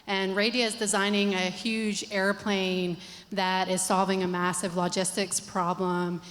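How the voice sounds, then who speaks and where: A woman's voice: medium pitch, level tone, a little slow, a bit bright. A woman speaking as a founder on a conference panel, explaining her points confidently. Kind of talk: panel discussion. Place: conference stage. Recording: reverberant conference hall.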